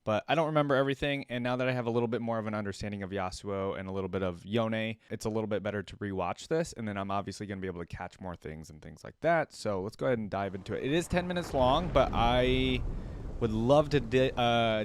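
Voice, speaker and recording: A man hosts a reaction video, chatting informally and addressing his viewers directly with casual commentary. His voice is lowish, fast, and smooth.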